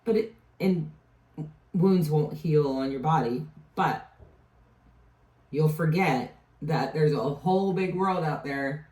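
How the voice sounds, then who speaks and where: A woman with a low, mellow voice gives a casual tarot reading. She rambles, trails off and restarts mid-thought. She sounds set back from the mic in a roomy, echoey space. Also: takes it slowly, long pauses. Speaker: tarot reader. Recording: echoey room, distant mic.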